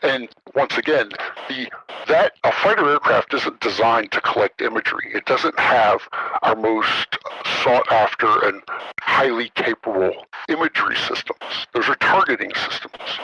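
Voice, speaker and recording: A man's voice: medium pitch, lively intonation, measured pace, bright, forceful tone, breathy edge, no room sound, rough recording. A man speaking through a voice alteration that disguises his identity, a former military official talking carefully and hesitantly, with many ums and uhs, in a podcast interview.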